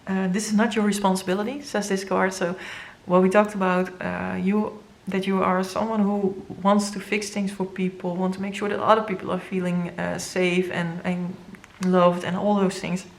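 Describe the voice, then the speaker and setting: A woman with a Dutch first language giving an earnest, halting tarot reading to viewers, with many fillers and moments where she grows emotional. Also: medium pitch, level tone, gravelly. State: emotional, near tears. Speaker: tarot reader.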